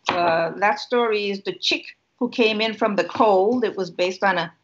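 A woman in her seventies from Puerto Rico, with a Puerto Rican accent and a medium-pitched voice at normal speed, talks unhurriedly about her life. She's an author appearing as a guest in a conversational interview with a book reading, joining by laptop webcam video call from a lamp-lit room at home. The call audio sounds muffled.

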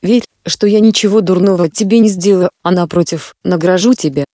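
A woman voicing a boastful, threatening male spirit from a bottle in a read-aloud fairy tale, with a mellow tone in a dry, close recording. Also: on the low side, fairly quick, no room sound, lightly acted. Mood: coaxing. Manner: threatening, later pleading.

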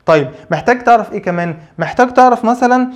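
A man's voice: extremely high pitch, animated, rapid-fire. A man with an Egyptian Arabic accent giving a physical therapy lecture, asking questions and answering them himself. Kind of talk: lively explanatory lecture.

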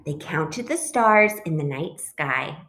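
A woman's voice: deep voice, lively intonation, slow pace. Woman reading a picture book to children, roomy sound. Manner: gentle, asks the children questions. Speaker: teacher reading aloud. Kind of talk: children's read-aloud. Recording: roomy echo.

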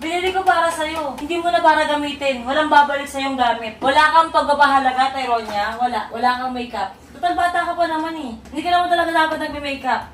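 A woman's voice: high-pitched, quick pace, few pauses, fairly bright tone, roomy sound, distant mic, slight background noise, rough recording. A mother scolding her daughter sternly in a vlog, repeating pointed questions. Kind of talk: vlog confrontation.

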